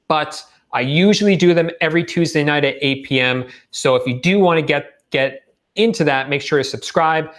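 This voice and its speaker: Young male streamer, relaxed Q&A host, voice getting worn. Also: a little high. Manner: reads viewer questions aloud and answers them casually. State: losing his voice in a hot room. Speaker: host of live Q&A on online selling. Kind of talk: casual live-stream Q&A.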